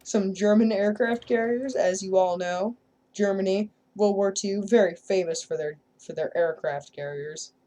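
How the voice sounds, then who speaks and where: A woman casually commenting on her own strategy gameplay, joking and sarcastic, often trailing off quietly at line ends. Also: medium pitch, a little slow. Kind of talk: casual let's-play commentary.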